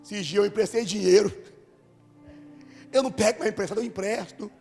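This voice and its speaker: A Brazilian man with a high voice preaches a sermon. He tells a personal story, then builds to loud, fervent preaching. His voice rings through a large, reverberant hall with faint music underneath. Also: steady tone, a little fast, gravelly. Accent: Brazilian Portuguese. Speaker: pastor. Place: church hall.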